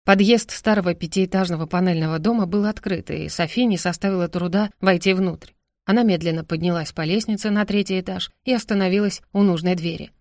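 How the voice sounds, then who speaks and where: A woman's voice: fairly low pitch, brisk, a little mellow, no room sound. Woman narrating a novel, dry sound. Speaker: audiobook narrator.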